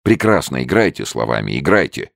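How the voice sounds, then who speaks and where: A man voicing a stubborn young male soldier who speaks sharply and excitedly, his voice cracking at times. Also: rumbling low, normal speed, gravelly, no room sound, studio quality, exaggerated voice. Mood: bitter. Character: tense bitter young male deserter, stubborn.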